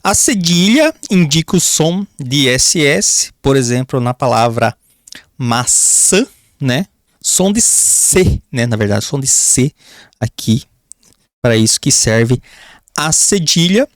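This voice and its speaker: A man's voice: medium pitch, expressive, no room sound. Brazilian male grammar teacher, dry sound. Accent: Brazilian Portuguese. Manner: keeps calling the class "pessoal", stretches key words slowly; writes on a board while explaining. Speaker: Portuguese teacher. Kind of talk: exam-prep grammar lesson.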